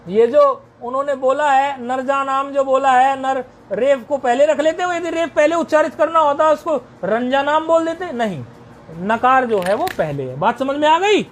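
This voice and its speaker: A man's voice: extremely high pitch, fairly bright tone. A man teaching a Sanskrit grammar lesson, patiently repeating points and checking that students follow.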